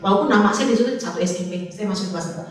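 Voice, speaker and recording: Woman, fast lively storyteller, church talk, echoey hall, far from the mic. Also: medium pitch, faint music behind. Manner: lively storytelling, acting out dialogue. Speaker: Sunday school teacher and guest speaker.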